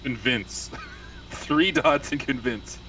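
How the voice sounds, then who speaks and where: A man playing a character in a tabletop role-playing game, talking in a lively, animated way. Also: mid-range voice, takes it slowly, gravelly, far from the mic, a little hiss or hum, low-quality recording. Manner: lively, animated, laughs often. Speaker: player.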